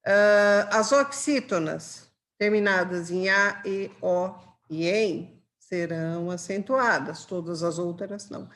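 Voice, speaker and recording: A woman's voice: medium pitch, slow pace. A woman with a Brazilian Portuguese accent teaching grammar for an exam, patiently explaining with examples and checking in with her students. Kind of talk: exam-prep grammar lesson.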